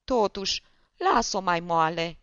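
A fretful man whines and pleads in a voice pitched noticeably high, as a narrator puts him on. He is a storybook character, anxious and plaintive. The sound is dry and slightly muffled. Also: animated, fairly bright tone, no room sound. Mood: whining. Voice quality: whining, pleading. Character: anxious middle-aged man, whiny and fretful. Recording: dull, dry.

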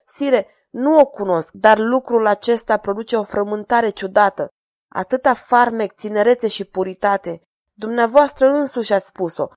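A woman's voice: fairly high pitch, a little mellow, no room sound, clean studio sound, close to an everyday voice. Woman voicing a desperate, trembling court jester. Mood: pleading. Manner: tearful, begging, trembling.

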